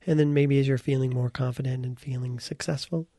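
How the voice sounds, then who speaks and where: A man leading a slow guided visualization, calm and soft-spoken, sometimes slipping into a whisper. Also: mid-range voice, no echo, clean studio sound. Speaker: guided meditation leader.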